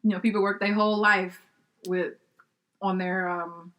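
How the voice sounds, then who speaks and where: A woman's voice: medium pitch, level tone, normal speed, a bit bright. A young adult woman, a podcast guest, telling a story in casual chat, acting out the voices of the people she quotes and laughing often.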